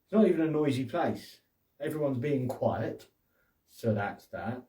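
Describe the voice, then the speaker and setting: A man's voice: medium pitch, animated, unhurried, dark tone, recorded from a distance. Rambling jokey man, roomy echo. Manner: rambling and jokey, laughs often, acts out little quotes. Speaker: podcast host. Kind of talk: casual solo chat.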